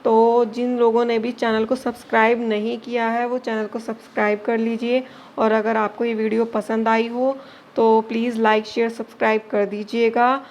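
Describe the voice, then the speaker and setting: A woman's voice: fairly high pitch, little pitch movement, normal speed, a little mellow, lo-fi sound, slight background noise. A woman teacher giving an exam-prep grammar lesson, asking questions and answering them herself, checking in with short confirming tags and mixing English words into her explanations.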